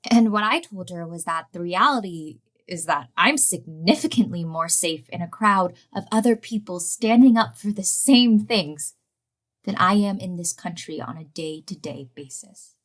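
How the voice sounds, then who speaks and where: A woman's voice: fairly low pitch, expressive, normal speed. A young American woman activist speaking firmly and forthrightly about her experiences. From USA. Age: young adult. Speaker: youth activist. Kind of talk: personal testimony interview. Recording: faint crowd and noise behind.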